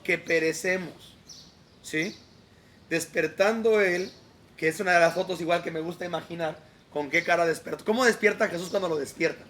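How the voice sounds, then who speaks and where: A man's voice: sits high, a bit bright, slight background noise. A man with a Mexican Spanish accent preaching a devotional outdoors beside a lake, in a conversational style that keeps checking in with his listeners. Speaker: pastor.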